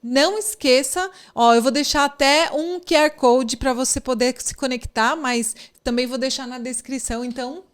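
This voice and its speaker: A woman's voice: high voice, normal speed, few pauses, smooth. A Brazilian woman hosting a podcast in a casual, effusive and thankful way. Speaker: podcast host.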